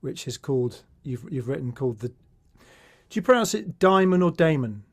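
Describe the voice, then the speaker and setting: A man's voice: mid-range voice, animated, normal speed, creaky, husky. A man hosting a podcast interview, talking in a casual, hesitant way with many fillers and restarts. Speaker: podcast host.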